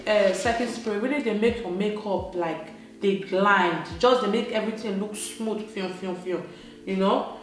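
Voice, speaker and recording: A young Nigerian woman with an Edo accent, chatting her way through a makeup tutorial in Pidgin English, laughing often. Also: medium pitch. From Nigeria, Benin City, Edo State. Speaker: beauty vlogger. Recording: very echoey room, soft music behind.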